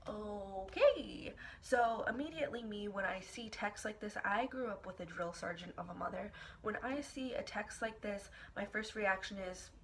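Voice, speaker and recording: A young woman recounts an embarrassing story to her camera in a casual storytime vlog. She tells it dramatically and expressively, swearing freely and scattering her speech with filler words. Her voice sits at an ordinary middle pitch. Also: moderate pace, hardly any pauses, slight background noise. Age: young adult. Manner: casual, profane, filler-heavy. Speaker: vlogger.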